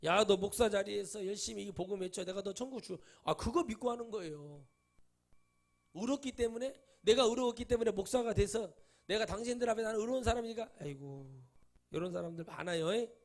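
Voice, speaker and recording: A middle-aged male pastor preaching a sermon, animated and full of rhetorical questions, acting out quotes from others. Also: sits high, a little fast.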